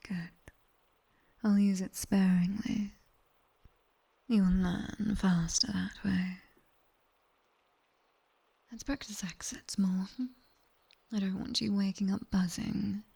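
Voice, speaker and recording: A woman gives a full character voice as a British demoness tutor in an ASMR roleplay guided sleep session, recorded on a close binaural microphone. She whispers very slowly in a breathy, husky, mid-range hush that is soft and dark with faint fry. She's sharp-tongued and quietly commanding, delivering clipped sleep instructions close to the mic with dry, teasing praise.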